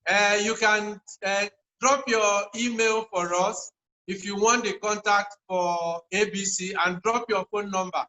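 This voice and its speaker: A man's voice: high-pitched, steady tone, a little slow, pushed and bright, a little hiss or hum, low-quality recording. A man hosting an online tourism meeting, effusive and repeating himself as he introduces a guest. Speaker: host of an online tourism session. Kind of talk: casual online meeting host.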